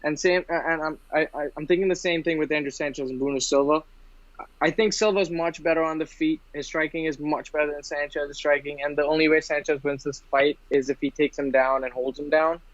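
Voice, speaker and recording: A man from India co-hosting a casual podcast chat about fight bets, talking in quick rambling runs full of restarts. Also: fairly high pitch, steady tone, dry recording. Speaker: podcast co-host. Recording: dull, dry, lo-fi sound.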